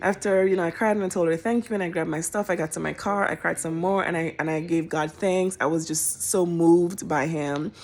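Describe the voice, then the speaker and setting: A young woman telling a personal story to her viewers in a casual, animated, emotional way. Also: on the low side, fairly quick, hardly any pauses. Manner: animated, emotional, colloquial, bursts into laughter.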